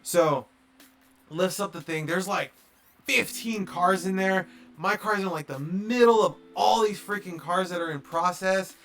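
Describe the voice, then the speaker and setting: Male streamer, voice a touch high, casual storyteller, rambling, filler-heavy, acts out quotes. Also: measured pace, fairly bright tone.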